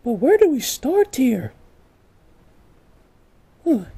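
A woman plays an earnest cartoon game hero, flustered and halting. The voice sits high and leaps around wildly, with a soft, mellow tone, in amateur comedy fan-dub style. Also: big pitch swings, husky, heavily acted. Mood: puzzled. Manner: hesitant, halting, exclaiming.

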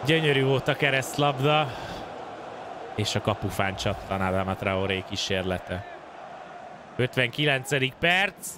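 A man giving excited sports commentary on a football video game, stretching out his calls as he follows play. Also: medium pitch, noisy background. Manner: excited, swinging into drawn-out shouts at chances. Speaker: gaming host and match commentator.

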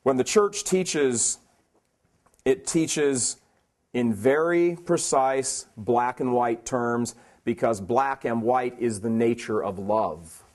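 A man's voice: medium pitch, slow pace, a little mellow. A man delivers a preaching talk at a conference in an ordinary mid-range voice. He is emphatic and plainspoken. He keeps driving his points home with rhetorical questions. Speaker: conference speaker.

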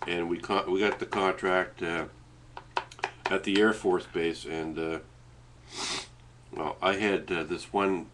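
A man's voice: low-pitched, slight background noise. A middle-aged man with a Canadian Maritime accent and a stuffed-up nose, rambling hesitantly in a casual webcam chat at home. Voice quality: congested, stuffed-up nasal sound. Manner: rambling, hesitant, sometimes talking while eating. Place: small indoor room at home. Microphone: webcam setup at desk distance.

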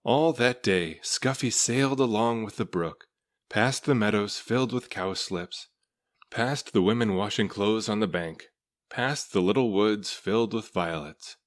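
A man reading a children's story aloud as narrator, with measured, deliberate phrasing. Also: lowish voice. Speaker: storybook reader.

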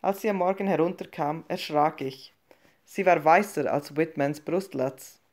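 A woman narrating a short story as an audiobook reading, in a calm, measured and subdued way. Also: deep voice.

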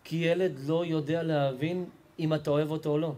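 A man, a rabbi, giving a Torah lesson to a live audience in an emphatic, animated way and putting questions straight to his listeners. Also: fairly high pitch. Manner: emphatic, animated storytelling preacher; addresses listeners directly with questions.

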